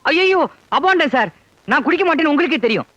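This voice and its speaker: An actor playing a flustered, henpecked office clerk in a comedy film, whining and panicking. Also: male voice, very high voice, expressive, quick pace, bright, forceful tone, no echo, full character voice. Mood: protesting. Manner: whiny, panicky wailing.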